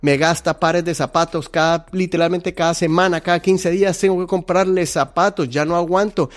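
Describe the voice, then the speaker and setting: A man's voice: sits high, steady tone, moderate pace, lightly acted. A man voicing a weary, exasperated mother who complains that she is at the end of her rope. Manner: complaining, fed up.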